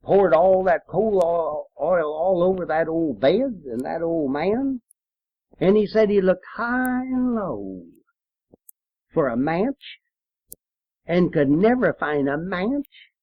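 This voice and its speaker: An elderly rural American man in his 80s or older, a World War II veteran, reminisces about his service in slow, folksy, halting, plain-spoken oral-history storytelling that rambles. His voice is high-pitched and animated, captured in a muffled, roomy, lo-fi home recording.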